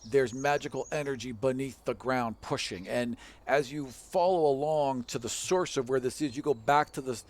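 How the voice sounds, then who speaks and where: A man narrating a tabletop game as dungeon master, in a loose, casual way with plenty of fillers. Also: mid-range voice.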